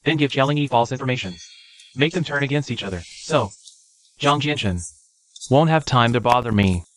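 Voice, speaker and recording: A man's voice: medium pitch, lively intonation, moderate pace, a bit bright, slight background noise, close to an everyday voice. A man acting a cold, calculating villain in a screen drama. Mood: cold scheming.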